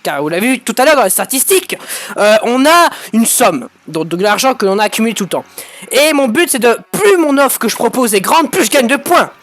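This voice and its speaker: A man giving excitable, crude let's-play commentary as a gaming YouTuber, breaking into sudden shouted outbursts. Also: very high voice, fairly quick, dry recording.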